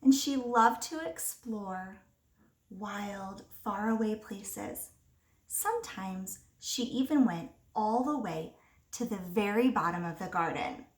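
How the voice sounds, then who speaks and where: A woman teacher reading a picture book aloud to young children, expressively, pausing to ask them simple questions. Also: mid-range voice, animated. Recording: roomy echo, distant microphone.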